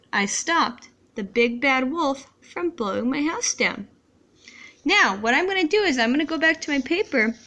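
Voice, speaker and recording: A woman teacher slowly shows young students how to write sentences, speaking in a deliberate, encouraging classroom way. Her voice is a little high and fairly bright.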